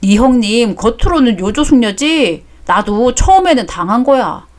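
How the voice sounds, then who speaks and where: A woman's voice: on the high side, lively intonation, normal speed, close to an everyday voice. A woman voicing a boastful middle-aged male fruit seller who gossips crudely. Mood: gossiping.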